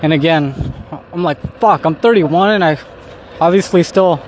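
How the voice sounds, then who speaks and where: A vlogger in his thirties, born in Mexico and raised in Southern California, talks to himself while walking home along a street, rambling loosely with lots of fillers, restarts and self-deprecating remarks. His voice is on the high side at normal speed, with faint street and traffic noise around him.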